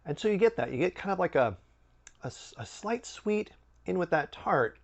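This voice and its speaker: A man hosting a snack review, chatting casually with animated, swooping emphasis. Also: sits high, normal speed, gravelly. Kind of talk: casual food review chat.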